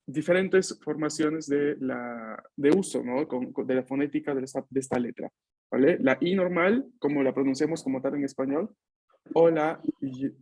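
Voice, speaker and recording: A man's voice: fairly high pitch, warm tone. A man teaching an online language class over a video call at home, patient and checking in often with his students. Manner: drills students with repeat-after-me. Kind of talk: online Italian lesson for Spanish speakers.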